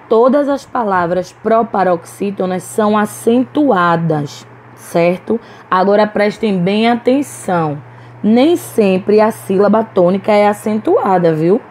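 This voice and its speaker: A woman's voice: medium pitch, darkish tone, a little hiss or hum, low-quality recording. A woman teacher with a Brazilian Portuguese accent giving a recorded lesson to young children, patiently sounding out words syllable by syllable. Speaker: primary school teacher. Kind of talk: recorded online class.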